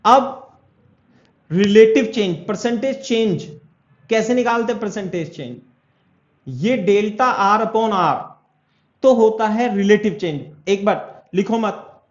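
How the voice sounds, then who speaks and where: Slow but animated, a high-voiced male physics teacher takes his class through a problem one step at a time, repeatedly asking whether the students are following. The classroom lecture sounds echoey and dull, with lo-fi quality.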